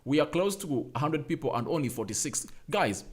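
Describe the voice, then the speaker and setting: On a casual fan-channel live stream, an emphatic young man with a husky, rather high, animated voice talks fairly quickly. He reads out viewer names and comments, repeats phrases, and pushes for likes, his emphasis swelling into loud calls.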